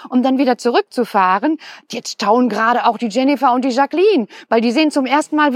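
A woman hosting a kindergarten podcast, excitedly narrating a delivery to children from a building entrance. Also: high-pitched, dry recording, studio quality. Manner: excited, breathless reporting. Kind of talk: live commentary for children. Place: at a kindergarten entrance, partly outdoors by a truck.

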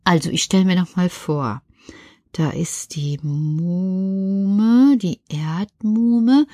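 A woman's voice: mid-range voice, mellow, no echo, studio quality. A woman voicing Petra, a dreamy female puppet character reciting rhymes in a sing-song way.

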